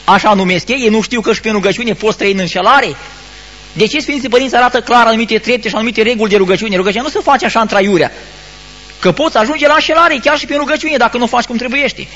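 A male priest giving an admonishing sermon, full of rhetorical questions and halting restarts. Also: very high-pitched, fairly bright tone, low-quality recording. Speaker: Orthodox priest.

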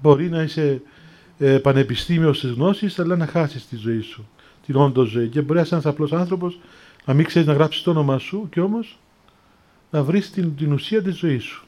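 A man speaking as a monk, giving an unhurried spiritual talk full of stories and answering listeners, with frequent fillers and restarts. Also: a little high, mellow.

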